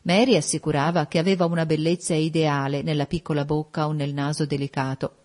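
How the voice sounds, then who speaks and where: A woman reading a classic novel aloud as an audiobook narrator, in a measured storytelling manner. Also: sits low, flat delivery, a little mellow. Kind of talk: scripted narration.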